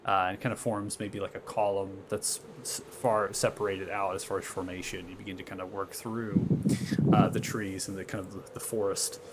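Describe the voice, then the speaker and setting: A man working as game master, narrating a tabletop game in a halting, improvised way with frequent tag questions. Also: deep voice, flat delivery. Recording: clear background noise.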